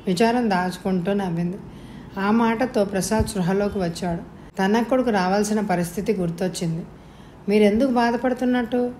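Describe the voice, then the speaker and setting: Mellow-voiced woman reading a story. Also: mid-range voice, a little hiss or hum. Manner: measured, expressive reading. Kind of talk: scripted story narration.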